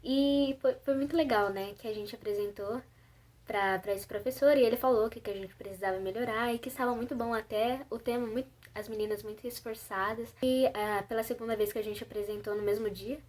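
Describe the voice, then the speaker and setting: A young Brazilian woman with a slightly high voice tells a personal story in a casual vlog. She sounds self-conscious and chatty, and she keeps reaching for fillers as she goes. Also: steady tone, fairly quick, darkish tone. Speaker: vlogger.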